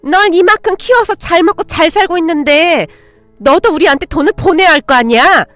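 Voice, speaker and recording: A woman voicing a harsh, greedy middle-aged mother who scolds and shouts at her grown daughter. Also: very high voice, sing-song, moderate pace, no echo, soft background music, pitched above the performer's own voice, full character voice. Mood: scolding.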